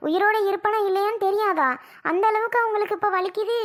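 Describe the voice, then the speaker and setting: A woman's voice: very high voice, fairly even intonation, fast talker, pitched above the performer's own voice. A woman voicing a flustered young wife who frets over her sick husband, in a cartoon. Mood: fretful. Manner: fretful, complaining. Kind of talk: cartoon voice acting.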